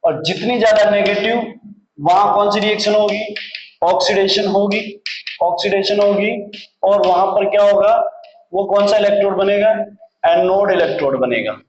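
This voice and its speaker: A man's voice: high-pitched, moderate pace, highs cut off. A man teaching chemistry in a classroom lecture, putting questions to the class, answering them himself and repeating the key terms. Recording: echoey classroom.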